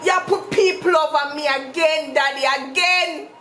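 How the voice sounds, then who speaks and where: High-pitched Jamaican teenage daughter at wits end played by a woman. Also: moderate pace, a bit bright. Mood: indignant, exasperated. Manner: at wits end, exasperated and emphatic. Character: defiant teenage daughter at wits end, pleading with her father. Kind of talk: dramatic acting in Jamaican Patois. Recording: roomy echo, music laid over dialogue.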